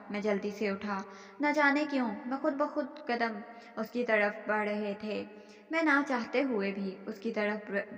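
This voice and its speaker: A woman narrating a dramatic first-person story in a steady reading voice, in a dull, echoey recording. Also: mid-range voice.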